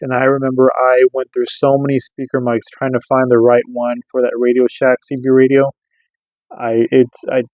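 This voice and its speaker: A man with a mid-range, slightly mellow voice hosts a radio gear review channel and reviews equipment casually and hands-on. His manner is informal and loosely explanatory, with regular rhetorical check-ins. The recording is rough, with no room sound.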